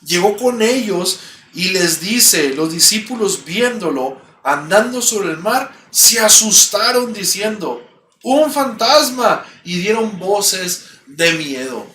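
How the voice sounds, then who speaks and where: A man's voice: high-pitched, expressive, slow, sharp tone. A man with a Mexican accent preaching a sermon in a church, emphatic and repeating key phrases. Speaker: pastor. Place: church sanctuary. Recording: echoey church, distant mic, faint background hum.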